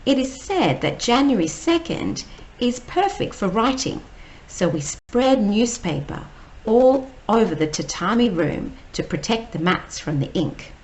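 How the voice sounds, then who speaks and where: Slow, lively woman reading a storybook. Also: on the high side, poor audio. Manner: slow, gentle, explaining each word. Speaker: teacher reading a picture book aloud. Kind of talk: read-aloud storytime.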